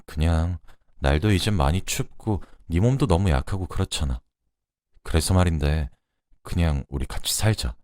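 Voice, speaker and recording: A reserved middle-aged man speaks in short, blunt phrases, very low and quiet, as a man plays him in a radio drama. The tone stays gentle under the gruffness, and the recording is close and dry. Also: expressive, normal speed, no echo. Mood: tender. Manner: blunt, curt, low-key.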